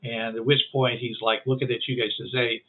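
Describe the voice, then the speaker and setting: A man running a tabletop game as game master, narrating in a halting way with many restarts. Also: mid-range voice, flat delivery. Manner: halting, full of restarts and fillers. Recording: phone-like online call.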